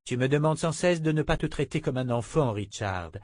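A man voicing a calm, ruthless woman who lectures her companion, in an audiobook reading. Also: fairly high pitch, fairly quick, no room sound, studio quality, voice pushed up, natural voice. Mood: coolly stern. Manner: calm, cutting, commanding.

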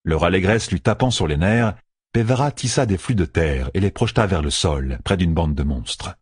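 Male audiobook narrator, very deep, husky, dry close recording, expressive reading. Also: moderate pace, no room sound. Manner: expressive storytelling. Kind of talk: scripted narration.

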